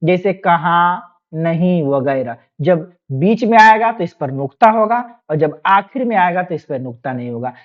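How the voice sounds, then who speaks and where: Woman teacher, low voice, patient, asks and answers own questions, dull lo-fi audio. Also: lively intonation, a little slow. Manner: explains patiently, repeats points with quiz-like questions. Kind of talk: online exam-prep lesson.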